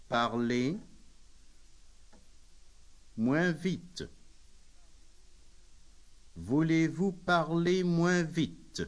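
A man reading French phrases as a language lesson drill, saying each phrase slowly and plainly. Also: fairly high pitch. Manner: says each phrase slowly and plainly, with pauses for the listener to repeat. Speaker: language course speaker. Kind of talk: slow, deliberate phrase drill.

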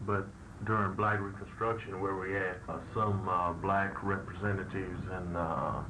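A young man giving an earnest political statement in an interview on old worn tape. He speaks haltingly, with many fillers. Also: low voice, flat delivery. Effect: old worn archival tape. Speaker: political party leader being interviewed. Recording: hissy old tape recording.

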